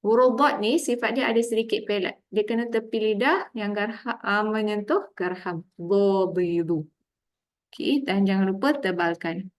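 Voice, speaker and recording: A woman with a Malaysian Malay accent gives a tajwid lesson in a mid-pitched voice. She explains patiently and drags out each letter sound slowly so that learners can copy it. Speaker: Quran recitation teacher.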